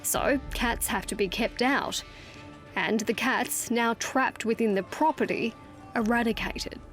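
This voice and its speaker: A woman's voice: a little high, a little slow, fairly bright tone. An Australian woman narrating a scripted television news feature as a reporter. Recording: music under the voice. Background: music.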